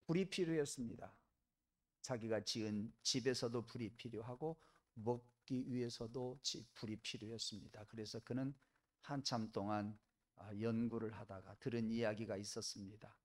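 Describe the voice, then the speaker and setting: A man preaching a sermon, telling a story vividly, with dramatic rises in pitch and loudness. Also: fairly even intonation, normal speed. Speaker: pastor. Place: church.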